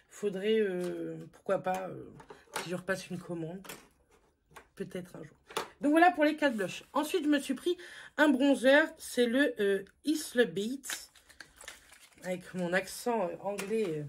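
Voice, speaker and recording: Female beauty vlogger, relaxed and chatty, teasing herself while showing products to camera. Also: medium pitch, unhurried, gravelly, a little hiss or hum. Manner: chatty, self-mocking, lots of fillers. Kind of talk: casual makeup haul review.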